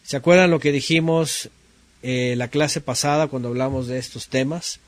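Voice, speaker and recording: A man teaching a Bible class, asking his listeners questions and rereading verses slowly with emphasis. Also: mid-range voice, fairly even intonation, dry recording.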